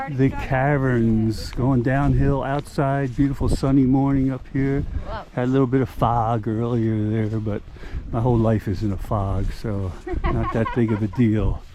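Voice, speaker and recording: A man's voice: medium pitch, steady tone, unhurried, dull audio, noisy background. A man chatting casually to camera as a travel vlogger, rambling and offhand. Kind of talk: casual vlog chat.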